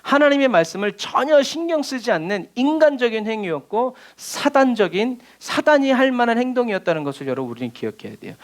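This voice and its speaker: A male pastor preaching a midweek sermon, asking the congregation rhetorical questions and acting out the lines he quotes. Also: high voice. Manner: asks rhetorical questions and answers them, acts out quoted lines.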